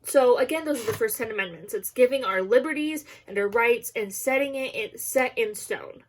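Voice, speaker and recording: A young woman giving a recorded class presentation, nervous and halting, often stopping to correct herself. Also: fairly high pitch. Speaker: student presenting a class discussion.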